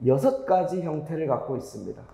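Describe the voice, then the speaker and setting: 에코가 울리는 강의실의 남자 강사. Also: male voice, on the high side, lively intonation, brisk, gravelly, dark tone, echoey room, big-room sound. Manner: rhetorical questions to students, emphatic repetition. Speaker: Korean grammar teacher. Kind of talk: lecture.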